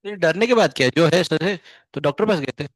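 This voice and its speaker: A male physics teacher giving a live class lecture, firing quick questions at his students and explaining step by step. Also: fairly high pitch, animated, no echo. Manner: chatty, scolding then explaining, asks students many quick questions; hums tunes to show wave shapes.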